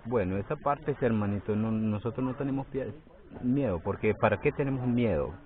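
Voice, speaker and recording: A man in his forties, a community judge, interviewed outdoors by a forest clearing, talking haltingly and repeating words, growing forceful as he protests. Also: medium pitch. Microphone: phone held near the face. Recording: tinny phone-like sound.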